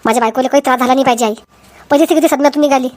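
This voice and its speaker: A worried young husband with a Varhadi accent, earnest and protective of his wife, as a woman voices him. The voice sits high for a man and carries a cartoon's quick, plain delivery. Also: steady tone, darkish tone, natural voice. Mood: urgent. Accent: Varhadi Marathi. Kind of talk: Marathi cartoon voice acting.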